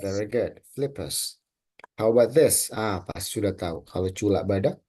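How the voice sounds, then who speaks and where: A man's voice: on the low side, animated, moderate pace, dark tone. A male teacher with an Indonesian accent, leading a children's vocabulary lesson and drilling words for the class to repeat. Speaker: English teacher.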